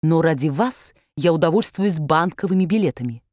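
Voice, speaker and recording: A woman's voice: deep voice, lively intonation, moderate pace, darkish tone, dry recording, studio quality. A woman voicing a curt, businesslike male bailiff in a matter-of-fact tone.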